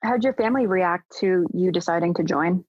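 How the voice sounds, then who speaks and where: A woman hosting a casual interview, friendly and quick to laugh, with frequent "um"s. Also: fairly low pitch, darkish tone, breathy edge, dry recording, dull audio. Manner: friendly, laughs often, filler "um"s. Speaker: podcast host.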